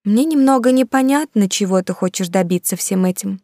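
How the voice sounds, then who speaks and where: A woman's voice: medium pitch, a little fast, darkish tone, dry recording, studio quality, voice pushed up, natural voice. A woman reading the part of a pert, ambitious young noblewoman with a raised, questioning voice.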